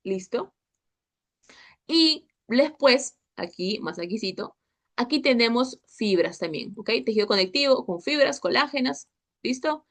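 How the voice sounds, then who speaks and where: A woman's voice: on the high side, lively intonation, measured pace, fairly bright tone. A young woman tutoring a histology class online, chatty and checking in with her students all the time. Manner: chatty, checks in with constant "¿ok?" and "¿listo?".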